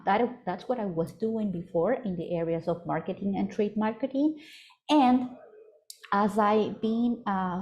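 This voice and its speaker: Working from a Vancouver home office, an Ecuadorian woman gives a virtual presentation as a project coordinator, her fairly low, dark voice carrying an Ecuadorian Spanish accent. She hesitates often, filling gaps and correcting herself as she goes.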